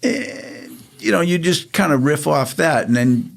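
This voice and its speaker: A man, a comedian guest telling stories in a rambling, halting, joking way. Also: a little high, expressive, vocal fry. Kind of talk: casual interview chat.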